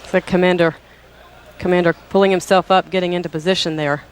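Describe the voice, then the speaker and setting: A man giving formal, measured public-affairs commentary on a launch. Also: sits high, flat delivery. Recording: clearly noisy outdoor-sounding ambience.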